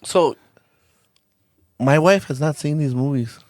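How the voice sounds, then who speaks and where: A man's voice: on the high side, takes it slowly, darkish tone, no echo, clean studio sound. A married man co-hosting a podcast, chatting casually and rambling with many "like"s and restarts. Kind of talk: casual chat.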